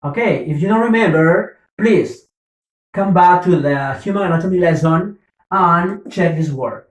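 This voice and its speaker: A man explains vocabulary in an unhurried classroom manner, often repeating words and asking if students follow. His voice sits a little high and moves at a very slow pace. The recording is echoey and picks him up from some distance off the mic. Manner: patient, repeats words and checks understanding. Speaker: English teacher. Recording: roomy, from the mic.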